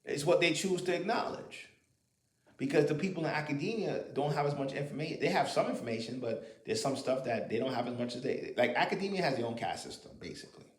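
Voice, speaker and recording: A man's voice: on the high side, expressive, quick pace. Argumentative man in an echoey room. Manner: argumentative, rhetorical questions, profanity. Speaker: commentator. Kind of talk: casual monologue.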